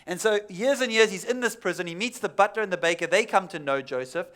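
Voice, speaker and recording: A pastor with a high-pitched voice, preaching a sermon to his church. He is from South Africa and tells the story in a relaxed, conversational way, sinking to a near hush at the serious moments. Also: fast talker.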